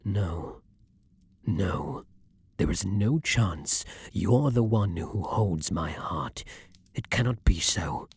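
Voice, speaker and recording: A man gives a full character performance as a haughty, secretly romantic vampire king centuries old, speaking in formal, archaic language with dramatic pauses for an intimate ASMR roleplay. The mood is shocked denial, delivered in a low, animated voice with a breathy edge on a dry recording.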